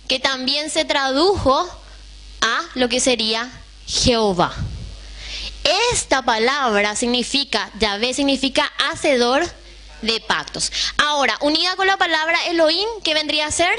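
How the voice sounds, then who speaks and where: A woman's voice: high-pitched, bright, forceful tone. A woman teaching a Bible lesson to a class, often putting questions to the room and checking that they follow. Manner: keeps asking the class questions, checks in with "right?".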